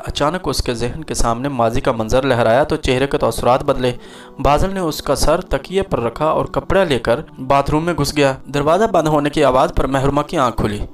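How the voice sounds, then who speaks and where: A man reading a dramatic romance story aloud as a storyteller, in a steady, even way. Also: mid-range voice. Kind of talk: scripted story narration. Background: soft background music.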